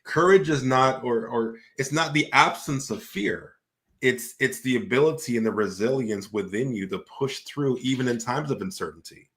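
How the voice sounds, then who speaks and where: A man's voice: medium pitch, normal speed, a bit bright. A man hosting a casual talk as an entrepreneur, speaking reflectively and often filling with "like". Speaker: host and entrepreneur.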